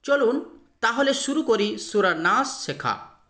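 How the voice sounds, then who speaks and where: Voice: medium pitch, big pitch swings, slow, pushed and bright, roomy sound. A Quran teacher who patiently spells out each letter and vowel, explaining step by step and drawing out the vowels when reciting.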